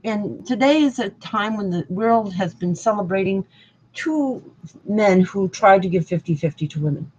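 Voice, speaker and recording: A woman's voice: medium pitch, lively intonation, normal speed, a little mellow, muffled recording, a little hiss or hum. A woman hosting an online devotional broadcast, listing names in a rambling, sing-song way. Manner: lists names in long chants, sing-song repetition. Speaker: host of a spiritual online broadcast. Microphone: online hangout broadcast.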